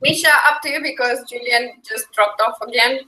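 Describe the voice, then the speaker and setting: Woman host, high bright voice, upbeat chat, echoey video call. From Romania. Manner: upbeat, quick to laugh, steering the chat. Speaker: livestream host.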